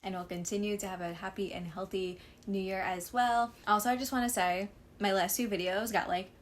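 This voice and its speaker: A woman's voice: mid-range voice, fairly even intonation, a little fast. A young woman, chatting casually about books she read, full of fillers, her voice a little sore. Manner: chatty, gushing, many fillers like "like". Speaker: book vlogger. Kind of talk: casual book review chat.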